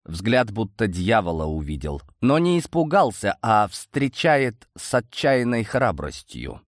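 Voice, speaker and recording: A man's voice: on the low side, very animated, a little slow, no room sound, clean studio sound. A man narrating a first-person audiobook story.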